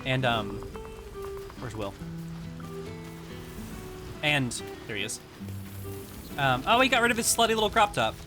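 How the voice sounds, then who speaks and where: A man streaming a game live, chatty and excitable, swearing and reacting out loud. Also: mid-range voice, unhurried, long pauses. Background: game music.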